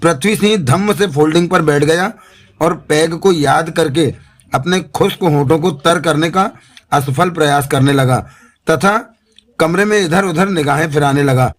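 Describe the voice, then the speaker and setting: Man, audiobook narrator, thriller, measured, dramatic, somewhat high-pitched. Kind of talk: scripted narration.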